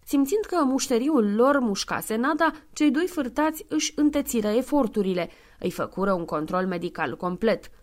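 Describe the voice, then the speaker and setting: Measured woman reading a novel aloud. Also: mid-range voice. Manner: measured, clear reading with spoken footnotes. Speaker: audiobook reader. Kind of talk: scripted narration.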